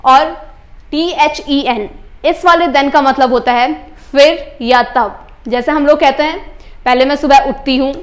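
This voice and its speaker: A woman teaching English grammar, speaking slowly and carefully and spelling words out letter by letter. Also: sits high. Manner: slow, careful dictation of example sentences; addresses viewers as friends. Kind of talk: explaining English grammar to learners.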